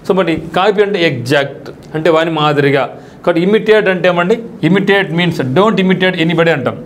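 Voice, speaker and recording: A man's voice: high-pitched, moderate pace, slight background noise. A male teacher who explains English vocabulary for an exam, asking rhetorical questions and mixing in casual local speech. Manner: explains English words in Telugu with colloquial asides and rhetorical questions. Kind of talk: exam-prep vocabulary lesson.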